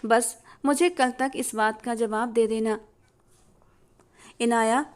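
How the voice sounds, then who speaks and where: A woman voicing an aging, wealthy matriarch who speaks in a slow, measured, persuasive way. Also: on the high side, fairly even intonation, smooth.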